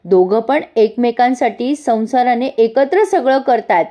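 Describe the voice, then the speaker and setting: A woman's voice: on the high side, expressive, unhurried, warm tone. A woman voicing a humble elderly village father who pleads his daughter's case in a TV serial recap. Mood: pleading. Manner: pleading, apologetic.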